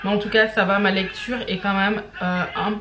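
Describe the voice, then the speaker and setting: A woman's voice: medium pitch, level tone, moderate pace, echoey room, noisy background. A young woman, a student chatting casually in a home vlog with many fillers. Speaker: student vlogger. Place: home, indoors.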